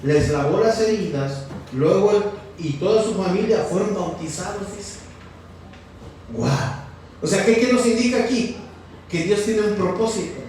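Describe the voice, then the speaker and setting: A high-voiced man preaches a sermon in a church hall, constantly quizzing his listeners and repeating "fíjese". He is heard from far off, with heavy echo and faint ambient noise. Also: animated, measured pace, pauses often, a little mellow. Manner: questioning the congregation, repeating "fíjese". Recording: very echoey, from far off.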